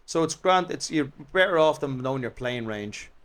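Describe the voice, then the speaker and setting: A man's voice: mid-range voice, lively intonation, moderate pace, fairly bright tone. An Irish man, an actor and comedian, chatting as a guest in a rambling, self-deprecating way. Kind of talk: casual interview chat.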